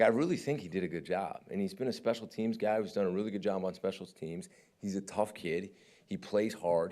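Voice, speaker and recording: A man's voice: deep voice, darkish tone. A man, a football defensive coordinator, answering reporters' questions candidly and conversationally at a press conference. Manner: candid, conversational, often asks "right?".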